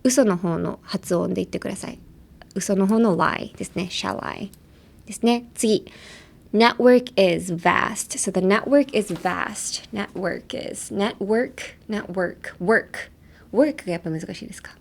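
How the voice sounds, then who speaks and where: A woman hosts a relaxed language-lesson podcast, switching between easy chatter and careful, slowed-down repetition of single words. Her voice sits at an ordinary middle pitch, and her manner stays light and playful as she coaches listeners through each sound. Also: vocal fry. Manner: drills words slowly and repeatedly, chatty and playful. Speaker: podcast host teaching English. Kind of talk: casual bilingual language lesson.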